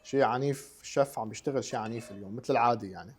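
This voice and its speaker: A man's voice: medium pitch, racing, soft background music. A chatty man with a Lebanese accent hosting a live online cooking show, casually greeting viewers, repeating himself and dropping in English words.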